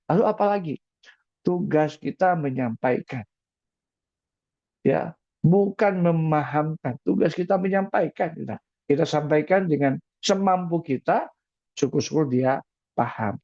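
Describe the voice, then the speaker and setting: A man preaching at an evening religious talk, lively, asking the audience questions and repeating his key phrases. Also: on the high side, no echo, highs cut off.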